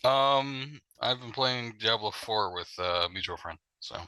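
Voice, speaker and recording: A man chatting casually as a tabletop player in a halting way. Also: medium pitch, bright, forceful tone, clean tone, no echo, rough recording. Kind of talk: casual chat.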